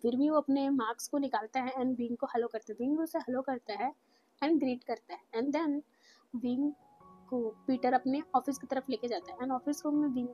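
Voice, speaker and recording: A woman's voice: high voice, steady tone, normal speed, lo-fi sound. A woman narrating a fan fiction story in a casual, conversational way, dropping in English words. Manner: plain conversational retelling, mixing English words. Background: faint background music.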